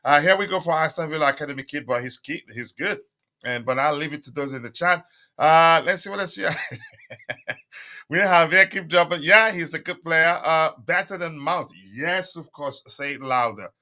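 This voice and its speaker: Speaking at a normal speed, this man has a slightly high voice with a bright, forceful tone. He's a livestream host who casually chats with viewers and reads comments aloud, uses lots of fillers, and keeps urging people to like. His voice is a little strained while it recovers.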